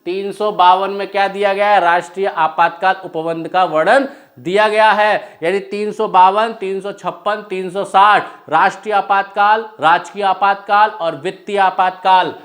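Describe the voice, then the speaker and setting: High-voiced man teaching, self-answering questions. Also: steady tone, moderate pace, a bit bright. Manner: asks a question then answers it himself, exhorting. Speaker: exam-prep teacher. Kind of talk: classroom lecture with call-and-response questions. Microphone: whiteboard lecture recording.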